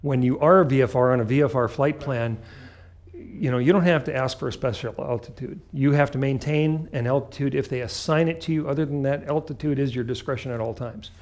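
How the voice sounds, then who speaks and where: A man teaches flying in a mid-pitched voice. He explains procedures step by step, speaking in short, clipped phrases and leaning firmly on the key points. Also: brisk, a little mellow. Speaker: flight instructor. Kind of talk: instructional talk with acted radio call examples.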